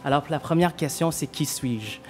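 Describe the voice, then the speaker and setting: A man's voice: fairly high pitch, moderate pace, a little mellow. A man from Vietnam, a pediatric hematologist and researcher, giving a prepared thank-you speech with many fillers and restarts.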